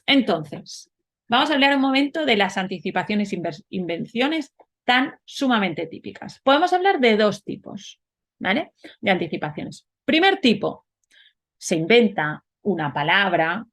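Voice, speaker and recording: A woman giving a webinar lecture, explaining step by step and often asking rhetorical questions. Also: medium pitch. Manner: explanatory, frequent rhetorical questions and "¿vale?" checks. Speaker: teacher.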